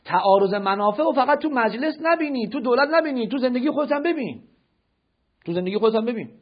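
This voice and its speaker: A man's voice: extremely high pitch, animated. A man giving a religious lecture, firing rhetorical questions at his listeners and correcting their notes. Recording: dull lo-fi lecture recording.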